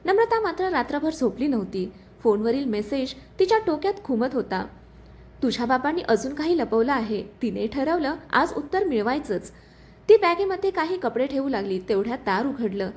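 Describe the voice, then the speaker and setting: High, lively woman reading a drama story. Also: normal speed. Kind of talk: scripted story narration.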